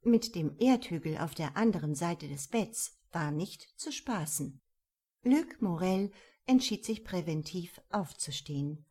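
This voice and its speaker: Slow, measured woman narrating a crime novel. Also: lowish voice, slightly rough. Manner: calm, measured reading. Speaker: audiobook narrator. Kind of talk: scripted narration.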